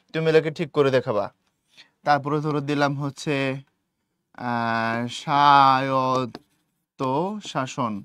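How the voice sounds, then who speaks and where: A young male teacher gives an exam-prep lesson in a high, clear voice. He talks in a casual, colloquial way, going over points again and checking whether students follow. The sound is dry and close, with no room echo. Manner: colloquial, repeats key points and checks understanding.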